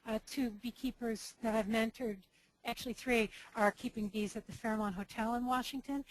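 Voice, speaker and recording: A woman's voice: a little high, steady tone, moderate pace, dry recording, rough recording. A woman beekeeper answering a question in a webinar, talking it through with restarts and stammers. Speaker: beekeeper guest.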